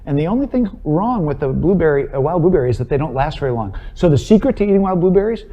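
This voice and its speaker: A man's voice: fairly high pitch, lively intonation, fast, dark tone, lo-fi sound. A middle-aged man, a chef, explaining ingredients with enthusiasm on a studio kitchen set. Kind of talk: cooking demo chat.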